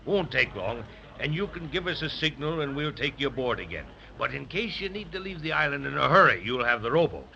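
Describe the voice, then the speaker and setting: An actor playing a hearty, kindly candy pirate captain in a 1930s radio drama. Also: male voice, very animated, brisk, gravelly, bright, forceful tone, exaggerated voice. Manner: hearty, booming orders, chuckling. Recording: dull lo-fi old radio recording.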